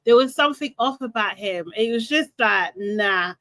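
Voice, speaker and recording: A woman chatting casually about a reality show, animated and exasperated, laughing often. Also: fairly high pitch, normal speed, no room sound. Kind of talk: casual recap chat.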